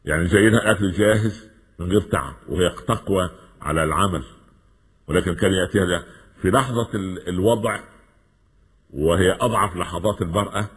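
A man with an Egyptian accent preaching a sermon in a lively, questioning style, mixing formal and everyday speech. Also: low voice, brisk, breathy edge, long reverb tail. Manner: lively, rhetorical questions, mixes classical and colloquial Arabic.

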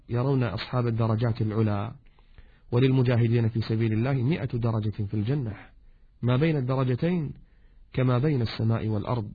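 A husky-voiced man delivers a sermon in formal Standard Arabic. He addresses his listeners as a preacher, urging them on with rhetorical questions. The recording is narrow and phone-like. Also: mid-range voice. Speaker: preacher, host of a religious series.

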